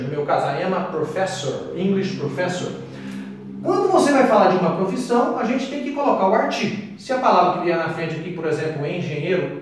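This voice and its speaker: High-voiced man teaching in an echoey room. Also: recorded from a distance. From Brazil. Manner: slows right down to spell out each English phrase. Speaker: English teacher. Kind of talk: explaining at a whiteboard.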